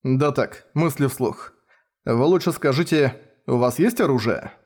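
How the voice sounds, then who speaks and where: A man voicing a calm, thoughtful young man who speaks in a measured way. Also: mid-range voice, natural voice.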